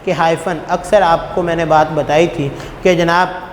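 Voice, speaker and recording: A man's voice: fairly high pitch, fairly even intonation, measured pace. A man teaching a class, explaining step by step, asking rhetorical questions and calling his students "beta". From Pakistan. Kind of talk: classroom lecture. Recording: echoey room with long reverb, faint noise.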